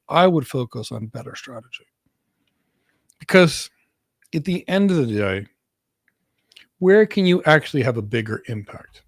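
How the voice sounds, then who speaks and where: With a mid-range voice and audible vocal fry, a Greek man who has an American accent hosts a Q&A on viewers' career questions, drawing on his work as a cloud architect. He answers emphatically, repeating words to stress them, in a studio-quality recording with no room sound.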